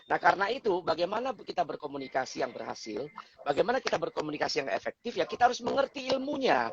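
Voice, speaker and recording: A male expert lectures in an explanatory way and sometimes acts out example phrases. His voice is gravelly and somewhat high. The lo-fi recording sounds dull. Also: big pitch swings, quick pace. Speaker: guest expert on communication. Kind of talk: explanatory talk show chat.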